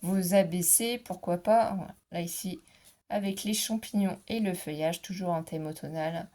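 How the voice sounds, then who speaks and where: A woman's voice: lowish voice, moderate pace, warm tone. A middle-aged woman chatting casually about her craft haul, hesitant, with many fillers. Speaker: scrapbooking vlogger.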